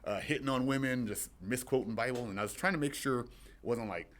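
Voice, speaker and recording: Young adult male guest, wrestler, mid-pitched, loose rambling storyteller who laughs a lot. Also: a little fast, a bit bright. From San Diego, USA. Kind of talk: casual chat.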